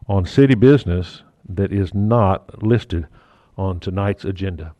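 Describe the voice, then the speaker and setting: A man chairing a city council meeting as mayor, his voice muffled through a face mask, talking haltingly with fillers and the odd joke. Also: low voice, warm tone, no room sound. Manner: halting, with fillers and restarts, lightly joking.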